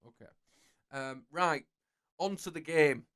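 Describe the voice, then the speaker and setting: A man's voice: a little high, slow, a little hiss or hum. A man hosting a casual film quiz, teasing and playful. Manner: playful, teasing, animated quizmaster. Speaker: podcast host running a quiz. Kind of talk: casual banter.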